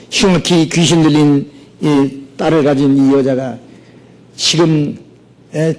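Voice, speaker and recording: A male pastor preaching a sermon, animated and often checking in with his listeners through quick rhetorical asides. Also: on the high side, poor audio. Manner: animated, peppers talk with rhetorical "예?".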